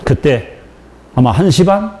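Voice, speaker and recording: A male pastor preaching a sermon in a church, telling an emotional personal story with acted dialogue and rising to near-shouting at its peaks. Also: a little high, very animated, slow.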